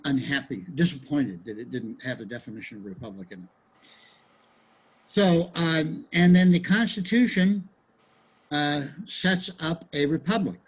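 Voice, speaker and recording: A man leads a study group over a video call, talking in a loose, rambling way with frequent restarts. His voice sits a little high for a man and has a husky edge. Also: poor audio. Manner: rambling, many restarts and fillers.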